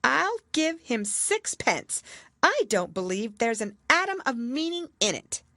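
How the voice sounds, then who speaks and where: A woman voicing a bold, sensible, outspoken little girl in a storybook, forthright and quick to contradict. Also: sits high, big pitch swings, pushed and bright, no echo, studio quality, voice pushed up, full character voice. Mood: defiant.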